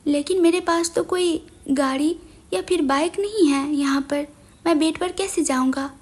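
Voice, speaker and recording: A woman's voice: sits high, moderate pace, a little mellow, close to an everyday voice. A woman reading the lines of a drunk, childish young man who sulks and pleads in a storybook romance. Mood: sulky, tipsy. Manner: sulky, whiny pleading.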